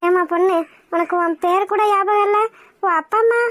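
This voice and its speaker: A woman's voice: very high-pitched, fairly even intonation, normal speed, fairly bright tone, no echo, clean studio sound. A woman voicing a caring, anxious middle-aged housewife in a cartoon, fussing in a motherly way. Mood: worried, caring. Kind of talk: cartoon voice acting.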